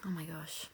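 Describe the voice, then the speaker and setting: A woman in her thirties from Australia, hosting a casual live chat and answering viewer questions, chatty and full of "like" fillers. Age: 30s. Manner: chatty, frequent "like" fillers, laughs lightly.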